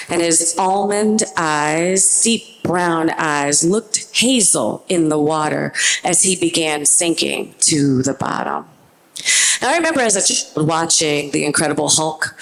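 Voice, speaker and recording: A woman tells a personal story live on stage in a fairly low voice. Her delivery is emotional, racing through some stretches and slowing to deliberate phrases in others. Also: rough recording. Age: adult with a young child. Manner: emotional, shifting between brisk and slow deliberate delivery. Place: stage at a performance venue.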